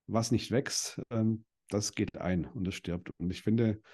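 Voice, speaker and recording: Hesitant man with a mellow low voice. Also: steady tone, measured pace, husky. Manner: hesitant, many fillers and restarts. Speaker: podcast guest, dental practice owner and event organizer. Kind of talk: casual interview chat.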